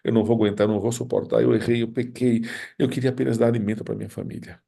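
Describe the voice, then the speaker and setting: A man's voice: mid-range voice, flat delivery, very fast, creaky, warm tone, slightly rough. A man voicing a poor, hungry schoolboy who tearfully pleads for forgiveness. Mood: desperate.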